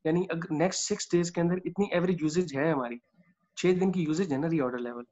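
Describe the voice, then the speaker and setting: Fast-talking man on a breaking-up call. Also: on the high side, a little mellow. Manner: polite, persistent questioning. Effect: breaking-up online call audio. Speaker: student asking questions. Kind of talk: questioning in an online class. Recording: dull lo-fi call audio.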